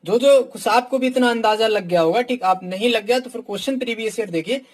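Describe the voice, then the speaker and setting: A high-voiced man talks at a quick pace in an informal teaching session. He's an outspoken exam coach reviewing books, peppering nearly every phrase with "ठीक" and speaking straight to students as "my dear".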